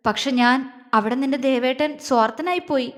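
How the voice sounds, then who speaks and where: A woman's voice: high voice, normal speed, long reverb tail, lightly acted. A woman voicing a tender, anxious husband who is fifteen years older than his wife, in a read-aloud romance story. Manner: pleading, emotional questions.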